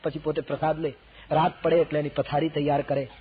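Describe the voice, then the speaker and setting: A man's voice: on the high side, level tone, fairly quick, a little hiss or hum. Man preaching on a tinny old recording. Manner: rising emphatic exhortation with quiet asides. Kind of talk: devotional sermon storytelling.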